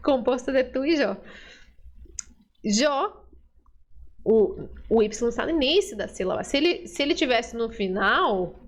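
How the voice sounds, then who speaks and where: A woman's voice: fairly high pitch, lively intonation, measured pace, pauses often. A woman teaching a pronunciation lesson in a patient, step-by-step manner, often checking that the listener follows. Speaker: Spanish teacher.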